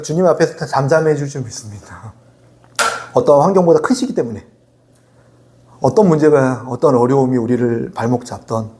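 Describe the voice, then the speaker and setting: A male pastor delivering a sermon, lively and chatty, acting out quotes and laughing at his own asides. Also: medium pitch. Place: church sanctuary.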